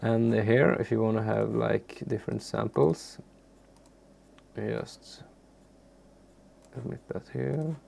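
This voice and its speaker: Speaking in a lowish, gravelly and creaky voice, this Swedish man, whose native language is Swedish, walks through a music software tutorial without a script. He's informal and unassuming, pausing haltingly as he hunts for words, while faint background noise and keyboard clicks fill the recording.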